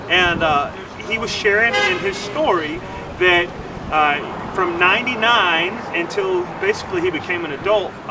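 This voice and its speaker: A man speaking as a charity's development officer on a livestream, rambling and stumbling over his words. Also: high-pitched. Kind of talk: livestream fundraising chat. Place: outdoors by a street. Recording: distant mic with traffic noise.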